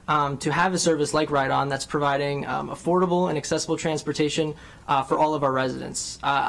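A young man with a slightly high voice reads public testimony into a desk microphone in a big council chamber. He is earnest and sincere, and he fills pauses with frequent ums and uhs. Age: young adult. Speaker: public hearing speaker, bus rider. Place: large county council chamber, seated at a desk. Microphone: desk microphone on a stand.

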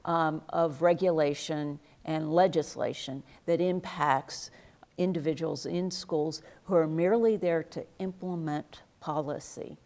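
Middle-aged woman professor, very low and mellow, measured explainer, studio lapel mic. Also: steady tone. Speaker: professor of educational leadership. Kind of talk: panel discussion. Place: TV studio set.

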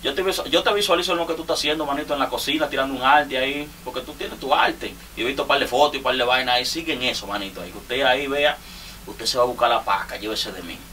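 Teasing Dominican man, bright sharp voice. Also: mid-range voice, fast, a little hiss or hum. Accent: Dominican Spanish. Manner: teasing, rambling, laughs often. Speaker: rapper roasting fellow artists. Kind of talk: casual joking monologue. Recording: distant mic with faint ambience.

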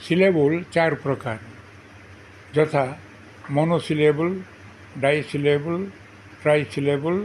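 A man delivers a grammar lesson at an unhurried, measured pace, repeating each definition twice before breaking example words into syllables one by one. His voice sits a little on the high side, and faint background noise runs under the recording. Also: flat delivery, darkish tone, poor audio. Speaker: teacher. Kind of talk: slow repetitive grammar lesson.

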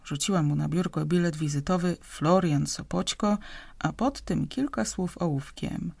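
A woman narrating an audiobook chapter in steady, measured storytelling. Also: lowish voice, vocal fry, slightly rough, no room sound.

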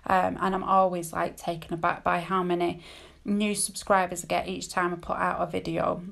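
A woman's voice: on the low side, little pitch movement, normal speed, vocal fry, a bit bright. A British woman giving a casual, chatty voice-over tutorial as a nail technician, candid and rambling, often interrupting herself. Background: dogs barking at times.

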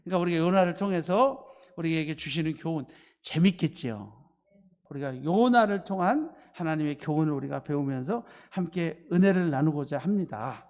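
High-voiced man preaching in an echoing church. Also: normal speed. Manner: animated storytelling, acting out the figures' lines; calls on the congregation to repeat after him. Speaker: pastor. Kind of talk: sermon. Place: church sanctuary.

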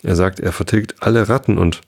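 A man voicing a polite, eager young girl in a bedtime storybook reading, with a low, gravelly voice barely lifted. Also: fairly even intonation, brisk. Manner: eager and apologetic. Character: polite chatty young girl lost in wonderland.

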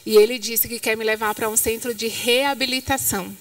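A woman's voice: a little high, brisk, no echo. A woman with a Brazilian Portuguese accent preaching at a church conference, telling a story and acting out the people in it. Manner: acts out quoted voices in a lively storytelling way. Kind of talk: sermon with storytelling. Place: church hall. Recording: dry sound, from somewhat far from the mic.

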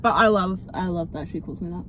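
A woman's voice: on the low side, a little fast, a bit bright, slight background noise. A young woman with an Australian accent chatting casually with a friend, rambling, restarting sentences and swearing freely. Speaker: YouTuber host. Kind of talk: casual chat. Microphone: headset.

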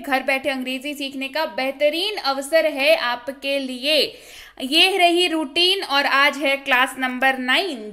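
Young woman teaching english online, high bright voice, asks stuff then answers it herself, says examples slow. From India. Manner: lively, asks and answers her own questions, repeats examples slowly. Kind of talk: online video lesson. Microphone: voice-over over slides.

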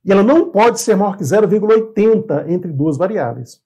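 Man in his 50s, instructor type, mellow husky voice, conversational lesson delivery. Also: sits high, animated, brisk. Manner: conversational, asks and answers his own questions. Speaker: real estate appraisal instructor. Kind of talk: informal online lesson.

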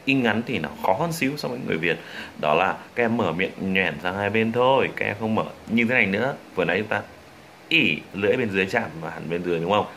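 A young man with a Vietnamese accent teaches English pronunciation, drawing sounds out and repeating each drill word. His voice sits very low but rings bright and forward. Faint ambient noise hums behind him. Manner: demonstrates sounds slowly and repeats drill words.

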